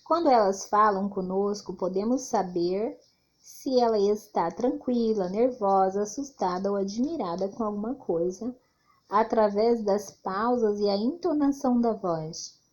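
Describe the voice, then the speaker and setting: A Brazilian woman teacher giving a slow, clear literacy lesson for children and acting out example sentences. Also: mid-range voice, a little mellow, highs cut off. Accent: Brazilian Portuguese.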